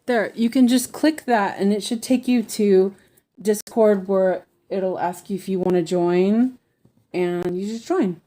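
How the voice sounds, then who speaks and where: A woman's voice: mid-range voice, unhurried, mellow. A woman with a lisp that slurs her s sounds toward sh, chatting casually and thinking aloud as she hosts a craft livestream. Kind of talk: casual livestream chat while stitching.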